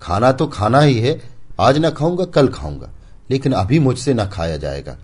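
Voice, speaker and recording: A man's voice: mid-range voice, expressive, a little slow, warm tone, voice pushed up. A man playing a bitter, irritable village husband. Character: proud, hurt young village husband.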